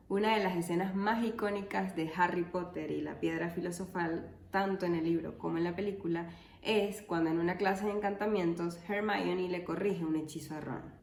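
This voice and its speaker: A woman explains language topics casually, slipping in dry, deadpan jokes. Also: on the low side, normal speed, creaky, echoey room, slight background noise. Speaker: linguistics educator. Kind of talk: casual educational video.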